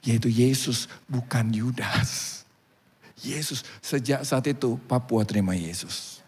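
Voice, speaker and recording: A man preaching a sermon as pastor, telling a story with animated delivery and acting out the characters' voices. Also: medium pitch, moderate pace, slightly rough. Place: church auditorium. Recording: reverberant church hall.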